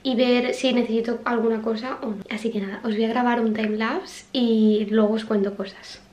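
A young woman from chats casually to camera in a home vlog, with plenty of fillers and asides to her viewers. Her voice sits a little high. The small home room around her sounds roomy and echoey. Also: level tone, a little fast, darkish tone, faint music behind. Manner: chatty, lots of fillers, talks straight to viewers. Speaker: vlogger.

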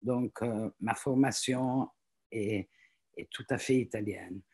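A woman in her seventies, a native French speaker who works as a teacher and guest reader, introduces herself on a video call from a small room at home using her laptop webcam. She's hesitant, with frequent fillers and restarts. Her very deep voice is slow, a little mellow, and breathy.

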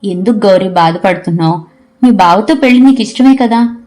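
Woman reading a soft gentle young husband in an audio story, calm and reassuring. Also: mid-range voice, moderate pace, close to an everyday voice.

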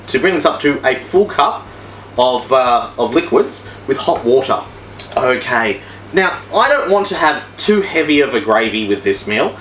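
A man's voice: a little high, fairly bright tone, echoey room, a little hiss or hum, low-quality recording. A man talking through a cooking demonstration, with chatty, upbeat, step-by-step instructions. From Australia. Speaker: cooking vlogger.

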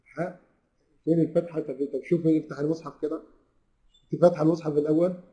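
Teaching tajweed online, a man with an Egyptian accent questions his students, answers for them, and stretches the recited verses slowly. His somewhat high voice is mellow and steady in tone. The recording is low quality.

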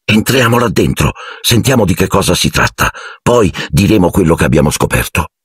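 A man's voice: deep voice, animated, fairly quick, husky, no room sound, clean studio sound, full character voice. A man voicing an urgent young schoolboy wizard.

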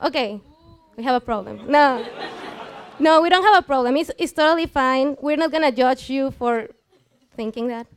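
Slight background noise accompanies a high-pitched woman speaking at a moderate pace. In her twenties, Mexican-accented and a native Spanish speaker, she is a student presenting an explanatory science talk live on a headset mic in a small lecture room, informally questioning her seated audience.

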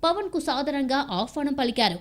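Brief: woman, TV news voice-over, brisk and dramatic. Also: high-pitched, expressive. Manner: punchy, dramatic delivery. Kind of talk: scripted news narration. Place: studio voice-over.

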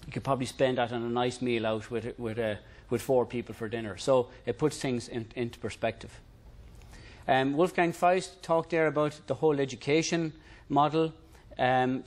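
A middle-aged man from Ireland gives an informal lecture, introducing a technical concept. His voice is average in pitch, and he speaks conversationally with a light, dry humor, laying out ideas plainly for the room.

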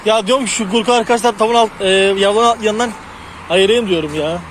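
A man doing chores in an outdoor chicken yard and chatting casually to his viewers, now and then shouting at the birds to shoo them. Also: high-pitched, fast. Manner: talks to the chickens and shoos them loudly. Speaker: poultry hobby vlogger. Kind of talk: casual chat to camera while doing farm chores. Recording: noisy outdoor sound with birds.

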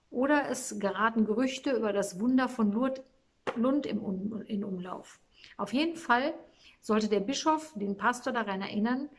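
A woman voicing a gentle, wise male angel who calmly explains things to the travellers. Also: on the high side.

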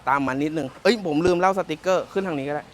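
A chatty car salesman from Thailand walks around a pickup truck outdoors, joking and repeating his points. His voice sits a little high for a man, and a faint outdoor ambience runs under it. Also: very fast, slight background noise. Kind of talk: casual walkaround car presentation.

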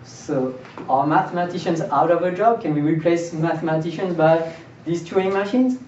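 A young man with a voice on the high side and a somewhat mellow quality lectures at a moderate pace in a math seminar. He works through ideas step by step, often restarting and repeating himself. A far camera with no mic records him in a lecture room with a projector screen, giving roomy, distant, dull audio with faint hiss.

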